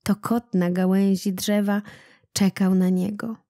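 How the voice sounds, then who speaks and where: A woman narrating a children's legend aloud in a slow, deliberate storytelling manner. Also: medium pitch, flat delivery, dark tone, no echo, studio quality. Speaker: narrator, audiobook reader.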